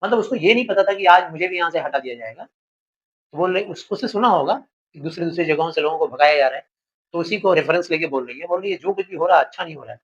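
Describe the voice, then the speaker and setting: A man's voice: a little high, expressive, quick pace, a bit bright, highs cut off. A male teacher explaining a literature lesson, paraphrasing the text and asking rhetorical questions.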